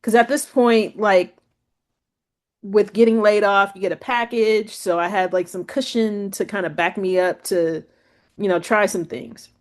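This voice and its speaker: A woman tells her own story as an interview guest, relaxed and conversational. She fills her talk with "like" and "you know." When she quotes people, her pitch jumps up. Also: a little slow. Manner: chatty, full of "like" and "you know"; acts out quoted speech with lively pitch jumps. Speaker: guest photographer.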